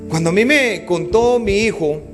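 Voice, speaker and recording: A man's voice: expressive, normal speed, music in the background. A man preaching a sermon as pastor, in a dramatic style that rises and falls. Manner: dramatic preaching with sweeping pitch swings.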